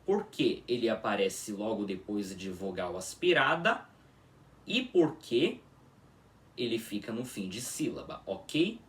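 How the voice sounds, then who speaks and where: A man teaching a pronunciation lesson, demonstrating each sound slowly and checking in with his students. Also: lowish voice, sing-song, distant mic. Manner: drawn-out patient demonstrations, frequent "tá?" checks. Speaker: language teacher.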